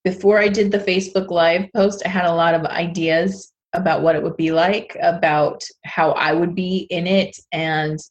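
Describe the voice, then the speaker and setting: A woman co-hosting a podcast in a casual chat. She is an animated storyteller who laughs often and slips into playful voices. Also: fairly low pitch, moderate pace, hardly any pauses, muffled recording. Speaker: podcast co-host.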